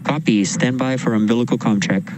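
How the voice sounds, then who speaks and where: A man's voice: medium pitch, fairly quick. A man at mission control talking on astronaut radio, calling comm checks in clipped procedural phrases. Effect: radio transmission. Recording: noisy radio loop.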